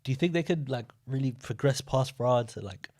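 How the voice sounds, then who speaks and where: Young man, podcast co-host, animated casual football chat, mid-range voice. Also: mid-range voice, fairly quick. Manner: animated, rambling storyteller.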